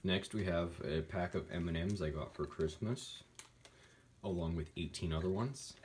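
A man with a low voice chats casually as co-host of a home test video. He jokes in a mock-serious tone, and a faint noise sits under the recording. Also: normal speed. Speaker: co-host testing things in a crimper. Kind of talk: casual chat while filming.

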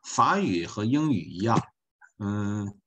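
A man's voice: fairly low pitch, big pitch swings, takes it slowly, bright, forceful tone. A man teaching an online French class, folksy and joking, repeating his points.

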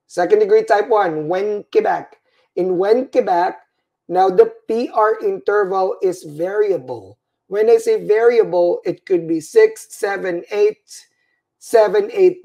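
Through a webcam livestream, a fatigued middle-aged Filipino nursing teacher, a second-language English speaker, runs an EKG class, looping back with "right?" and "all right?". He has a high voice with vocal fry and a slightly mellow quality.

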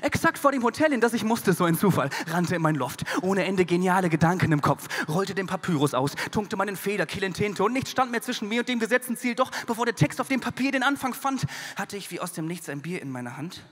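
A man performing a rhymed poetry slam on a concert hall stage, dramatic, swinging from hushed to loud. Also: sits high, animated, fast talker. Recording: long concert-hall reverb.

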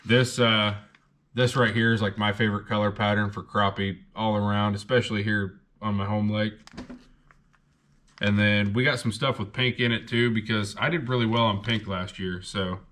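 Showing off gear for his fishing channel, a young man chats loosely and drifts off topic, with lots of fillers along the way. He speaks at a moderate pace in a fairly low, steady voice that is a bit bright.

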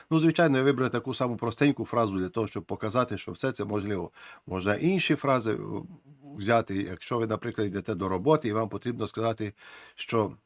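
A man's voice: medium pitch, no echo. Guy teaching a lesson, earnest, keeps repeating stuff, dry sound. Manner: earnest, encouraging, repeats key phrases. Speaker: English teacher.

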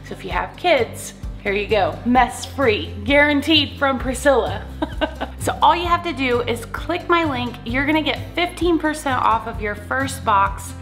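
A woman's voice: sits high, expressive, measured pace, a bit bright, soft background music. A woman in her forties, chatty and enthusiastic, giving a casual home office tour to a handheld camera. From Florida. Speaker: vlogger host. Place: home office, indoors, small room. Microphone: handheld camera at arm's length.

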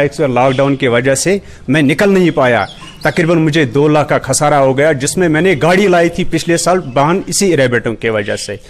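A middle-aged man with a Kashmiri accent, a rabbit farm worker answering interview questions plainly and practically, recorded on a handheld mic in a large shed. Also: fairly high pitch. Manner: plain, practical explaining with many polite "ji sir" replies. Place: large open-sided rabbit shed, indoors. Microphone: handheld reporter mic held near mouth.

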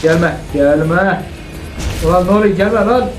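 A young man with a slightly high voice commentates a horror game, panicking and repeating commands over and over. His voice rings in a roomy, echoey space. Loud game music plays behind him. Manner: panicked shouting and swearing at the game, repeating words fast. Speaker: gaming YouTuber.

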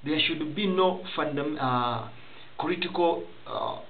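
Halting young man, tinny lo-fi webcam audio. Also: fairly high pitch. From Rwanda. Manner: halting, many restarts and repeated phrases. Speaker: political commentator. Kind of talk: direct-to-camera commentary. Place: small office room indoors.

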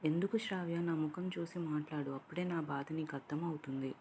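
A woman voicing a gentle, caring young man who talks to his girlfriend in a soft, pleading way. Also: deep voice, steady tone, fairly quick, a little hiss or hum, natural voice. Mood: reproachful.

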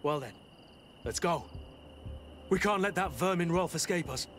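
An actor playing a seasoned, principled and indignant guard captain in a video game. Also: male voice, a little high, animated, normal speed, a bit bright. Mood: firm, bitter. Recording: faint background noise.

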